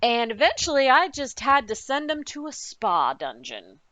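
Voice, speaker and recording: As game master, a woman recaps a tabletop campaign for her players, telling the adventure with playful drama and teasing asides. Her voice is high-pitched and fairly bright, with big swings in pitch and a moderate pace.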